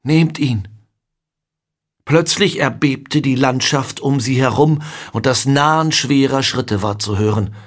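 A man narrating a fantasy audiobook in a measured, calm reading. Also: mid-range voice. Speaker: audiobook reader.

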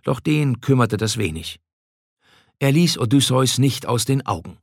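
A man narrating a scripted storybook in an even, measured way. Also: mid-range voice, vocal fry, husky, dry recording, studio quality.

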